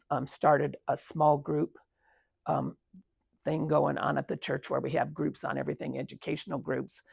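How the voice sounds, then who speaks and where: A woman in her seventies with a gravelly, husky voice talks through her working life at a retirement community. She is reflective and pauses often on ums and restarts. The sound is close and dry. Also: a bass voice, darkish tone, no echo. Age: 70s. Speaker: interviewee. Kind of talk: recounting her career.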